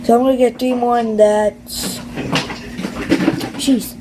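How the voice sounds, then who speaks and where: A tired young girl of about ten with hiccups, talking haltingly in a casual vlog. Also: a little high, fairly even intonation, background noise. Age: child, about 10. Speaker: gamer vlogger.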